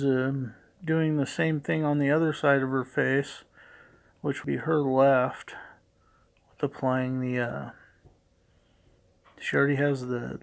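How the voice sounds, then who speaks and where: A middle-aged man with a gravelly voice and heavy audible breathing, giving hesitant, puzzled, matter-of-fact unscripted play-by-play narration. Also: mid-range voice. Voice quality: gravelly, creaky. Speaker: father doing a voice-over for his daughter's makeup video.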